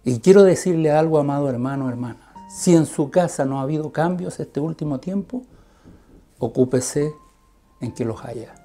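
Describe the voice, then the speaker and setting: A preacher with a husky, mellow voice delivers an earnest sermon. Key words are drawn out and pushed with sudden force, and phrases often end in a questioning "right?". Soft guitar plays faintly underneath. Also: mid-range voice, moderate pace. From Chile. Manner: stretches key words with sudden loud emphasis. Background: faint guitar music.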